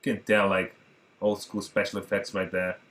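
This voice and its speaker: A man from Portugal in his thirties, a native Portuguese speaker, chatting excitedly to viewers as he reacts to an old film. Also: deep voice, moderate pace, a little hiss or hum. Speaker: movie reaction host. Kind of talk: casual reaction commentary.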